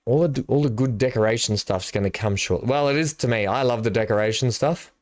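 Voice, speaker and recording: A man's voice: mid-range voice, a little fast, no room sound, studio quality. A middle-aged man, chatting and thinking aloud while he streams a building game live. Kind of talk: live gameplay commentary.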